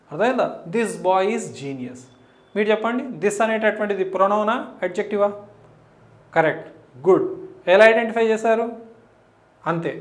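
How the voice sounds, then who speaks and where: A man's voice: high voice, roomy sound. A man teaching an exam-prep grammar lesson, who poses questions to the class, answers them himself and keeps checking that students follow. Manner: asks and answers his own questions, checks understanding often.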